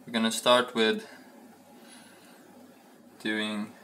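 A man's voice: fairly low pitch, flat delivery, very slow, sharp tone, slight background noise. A young man chatting casually while baking bread in his home kitchen, rambling and playful, thinking aloud and humming as he works. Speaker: home cooking vlogger. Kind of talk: casual cooking chat. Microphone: camera across the room. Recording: echoey room, voice from far off.

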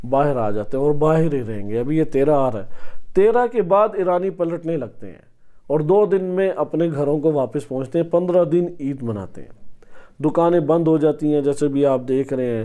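A man's voice: on the high side, dark tone. A man teaching a Quran commentary lesson, reading Arabic passages and explaining them in Urdu, asking and answering his own questions. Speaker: religious teacher.

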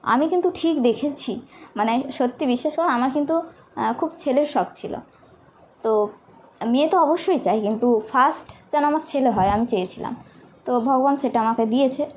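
A young woman, a new mother, tells her birth story in a casual, halting way, often stopping on fillers. Her voice sits a little high. Faint noise hums behind her. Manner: halting, with many pauses and fillers.

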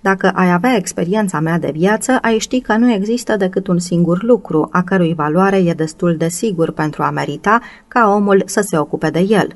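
A woman reading the part of a cold, cynical old male moneylender in an audiobook, in a measured, calm manner. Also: lowish voice. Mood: lecturing.

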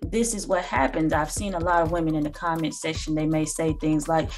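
A woman's voice: low-pitched, steady tone, brisk. A woman in her thirties, host of a reaction channel, giving earnest, lecturing commentary with occasional ums, recorded indoors on a phone or webcam. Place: small room indoors.

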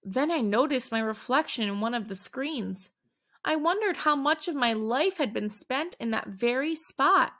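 Reading to children from a picture book, this woman takes her time and keeps a deliberate pace. Her voice is a touch high and bright, with some gravel to it. When the story hits its big moments, she brings expressive, dramatic emphasis.

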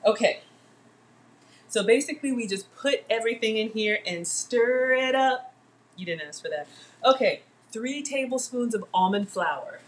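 Her fairly high voice moves at a moderate pace, with a bit of noise behind it. She's a middle-aged home cook livestreaming a casual demo, talking to her audience and naming commenters while she cooks, recorded by a fixed camera set at counter distance.

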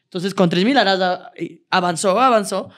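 A woman, co-hosting a podcast and telling personal stories in a lively, laughing, swear-sprinkled way. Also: medium pitch, moderate pace. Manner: lively, laughs often, swears casually, many restarts. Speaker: podcast co-host. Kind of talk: casual storytelling chat.

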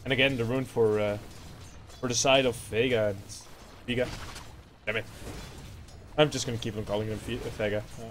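A man with a Dutch accent giving excitable play-by-play commentary on an esports match. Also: medium pitch, fairly quick, pauses often, a little hiss or hum. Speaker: esports caster.

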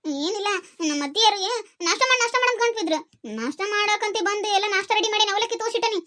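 A fretful young daughter-in-law from a village comedy skit, acted by a woman, speaking with a North Karnataka accent. Her voice is very high and bright. She rattles on fast in anxious chatter. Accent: North Karnataka Kannada.

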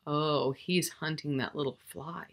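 Indoors in a small furnished room at home, a middle-aged woman expressively reads a picture book to young children, stretching key words and speaking directly to the listener. Her voice is low-pitched with fairly even intonation and a measured pace.

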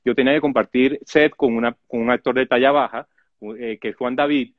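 A man's voice: medium pitch, a little fast, dry recording. Chatty man telling stories on a call. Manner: animated, chatty, many restarts. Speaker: actor guest. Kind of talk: casual interview storytelling. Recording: dull lo-fi dry audio.

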